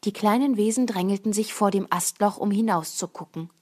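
Woman calmly reading a children's story. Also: mid-range voice, brisk. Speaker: narrator.

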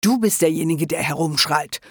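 Young male fugitive, scared, sarcastic, disbelieving, husky voice, read by a man. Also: a little high, normal speed, fairly bright tone, dry recording, clean studio sound. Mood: panicked.

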